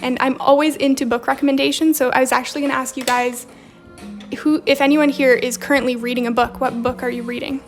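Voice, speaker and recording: Talking fast in a high voice with little rise and fall, a young woman with a slight Romanian accent hosts a relaxed journaling livestream. She reads viewer comments out loud and answers them chattily as faint music plays quietly behind her.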